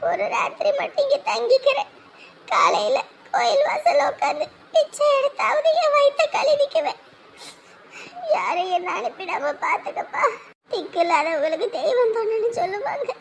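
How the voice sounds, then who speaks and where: A woman voicing a nagging, sharp-tongued old mother-in-law in an animated drama, who scolds and later pleads. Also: very high voice, moderate pace, creaky, a little hiss or hum, heavily acted. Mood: pleading.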